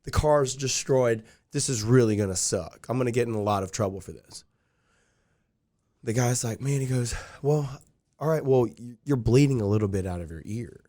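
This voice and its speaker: Young dude rambling through a story, like, dude, mid pitch, relaxed chat. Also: male voice, normal speed. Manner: rambling, many fillers like "like" and "dude". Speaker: podcast guest. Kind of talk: casual storytelling.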